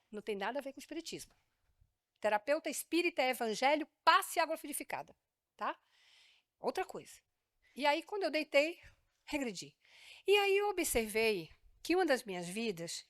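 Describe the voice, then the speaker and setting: A woman's voice: on the high side, no room sound, clean studio sound. A middle-aged woman from Sergipe, Brazil, giving a spiritist lecture in a theater. She tells stories with energy, acts out the dialogue and calls out to the audience. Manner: lively storytelling, acting out dialogue.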